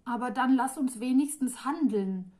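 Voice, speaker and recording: A woman's voice: high voice, moderate pace, warm tone, voice pushed up, lightly acted. A woman reading the part of a timid young dragon woman with a thin, hesitant voice. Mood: pleading.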